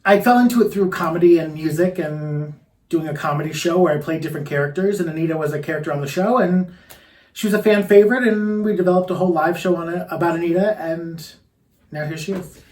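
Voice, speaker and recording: A man's voice: on the high side, fast talker, a little mellow. A man talking casually in an interview as a sassy, campy drag queen. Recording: roomy echo, distant microphone.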